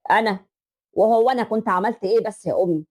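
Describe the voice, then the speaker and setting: A woman voicing a worn-out young husband who pleads with his mother, in an Egyptian accent, with a lowered voice. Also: fast, lightly acted. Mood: weary pleading. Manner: weary, pleading. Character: troubled young husband, a man.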